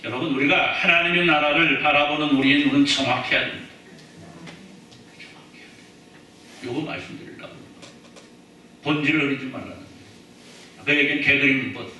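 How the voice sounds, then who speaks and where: A male pastor preaches in a chatty, joking manner, turning again and again to the congregation with questions. His voice is bright and forward. It rings through a very echoey church hall, caught by a distant mic over faint room noise. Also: fairly high pitch, steady tone, fairly quick, long pauses. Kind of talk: sermon. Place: church sanctuary.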